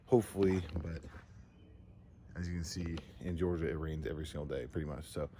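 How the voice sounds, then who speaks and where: A man vlogging his truck work outdoors, rambling casually with lots of fillers and throat clearing. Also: extremely low pitch, brisk, dark tone, slight background noise. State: out of breath. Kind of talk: casual DIY vlog.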